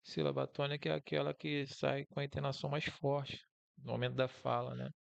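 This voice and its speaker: A man's voice: mid-range voice, flat delivery, fairly quick, vocal fry, dry recording, lo-fi sound. A Brazilian man with a Brazilian Portuguese accent giving a casual, encouraging online lesson as a teacher, talking through slides.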